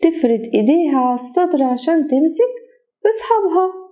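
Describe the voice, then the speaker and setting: Egyptian woman, kindergarten phonics teacher, high soft mellow voice, sing-song and patient. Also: expressive. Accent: Egyptian Arabic. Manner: sing-song, drawn-out letter sounds, coaxing. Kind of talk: children's phonics lesson.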